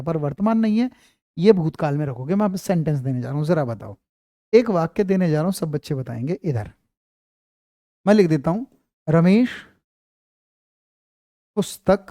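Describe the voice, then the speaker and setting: A man teaching Hindi grammar in an online class, slowly repeating example sentences and speaking into a clip-on mic. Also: on the high side, mellow, no echo, studio quality.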